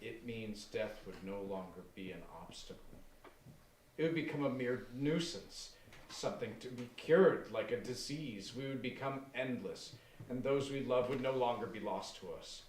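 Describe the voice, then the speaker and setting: A man playing a calm, grandiose cult leader who speaks softly and with chilling composure. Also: lowish voice, moderate pace, close to an everyday voice. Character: calm, menacing middle-aged male cult leader. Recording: roomy and distant with faint noise.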